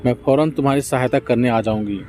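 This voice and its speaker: A tiny, pretty talking bird, voiced by a male storyteller, pleading and tearful. The voice stays close to the narrator's own, mellow and a touch dark, with quick, pressing pleas in a storybook reading. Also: medium pitch, faint music behind, close to an everyday voice.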